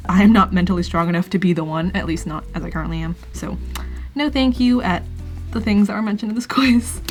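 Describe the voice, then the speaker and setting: A woman's voice: mid-range voice, fairly quick, faint music behind. A young woman talking casually to camera in a vlog, rambling and self-deprecating with wry asides, in a small room. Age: young adult. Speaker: student vlogger. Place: small room by a thin wall.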